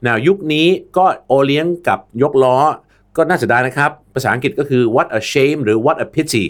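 A man's voice: medium pitch, normal speed. A man with a Thai accent co-hosting a casual English lesson chat, playful and jokey, dropping English words into his talk. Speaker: co-host teaching English.

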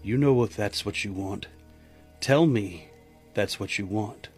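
Man voicing a low raspy mirror demon. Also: unhurried, faint music behind. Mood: tempting.

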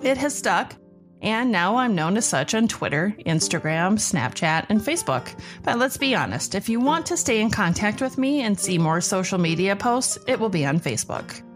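A woman's voice: mid-range voice, very animated, normal speed, soft background music. A woman hosting a podcast, reading scripted narration. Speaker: podcast host.

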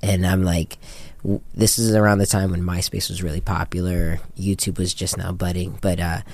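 Sitting low and a little mellow, this voice is level in tone and moderately paced. It belongs to an American man from Japan, a music video director and photographer being interviewed, who shares slang-heavy anecdotes in a casual, candid way.

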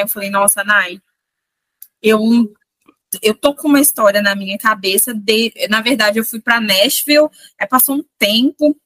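A woman's voice: on the high side, a bit bright, dry recording, low-quality recording. A woman with a Brazilian accent, co-hosting a podcast and telling stories in a rambling, dreamy way. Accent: Brazilian Portuguese. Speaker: podcast co-host. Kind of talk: casual chat.

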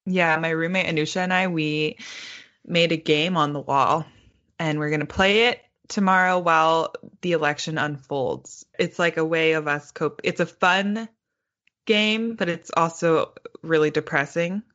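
A woman's voice: low voice, measured pace, fairly bright tone, highs cut off. A woman co-hosting a podcast in casual chat, nervous and chatty, laughing a lot. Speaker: podcast co-host.

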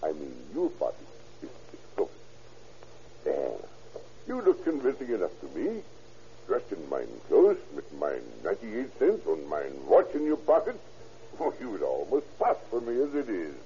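In a 1940s radio drama, a man plays a scheming German doctor who gloats over murdering his friend, complete with a German accent and cackling laugh. His mid-range, dark voice swoops wildly in pitch at a normal speed. The old recording is muffled, with a faint hiss.

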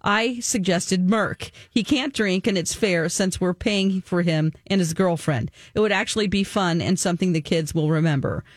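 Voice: medium pitch, moderate pace, hardly any pauses, no echo, clean studio sound. A radio co-host reading a listener's story aloud, then chatting with a wry, casual manner.

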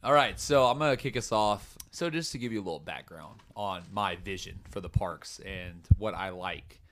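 Young man, low voice, casual podcast chat, opinionated, laughs easily. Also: moderate pace, fairly bright tone. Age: 20s. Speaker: podcast co-host. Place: room in his house.

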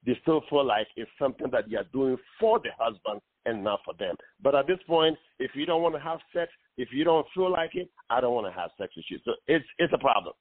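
A man's voice: mid-range voice, animated, brisk, few pauses, no room sound. Ghanaian-born man calling in by phone. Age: 40s. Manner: earnest, hesitant with many fillers. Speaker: caller. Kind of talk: call-in radio talk. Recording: tinny phone line.

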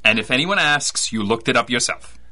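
An actor playing a cocky, wisecracking male private detective, deadpan and teasing, in old-time radio drama style. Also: medium pitch, moderate pace. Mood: dry, wry.

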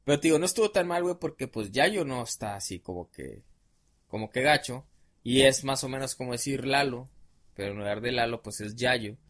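Young adult Mexican man, podcast guest, mid-pitched, rambling slangy storyteller. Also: animated, a little fast, fairly bright tone. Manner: rambling, slangy, many fillers. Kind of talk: casual storytelling chat.

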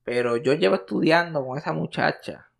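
A man in his thirties with a Puerto Rican accent, co-hosting a casual chat, animated and profane, tossing English words into his talk. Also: a little high, brisk, gravelly. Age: 30s. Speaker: podcast co-host.

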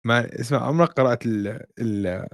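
A man's voice: mid-range voice, normal speed, no room sound, clean studio sound. A man with a Levantine Arabic accent hosting a casual basketball podcast, mixing English sports terms into his speech.

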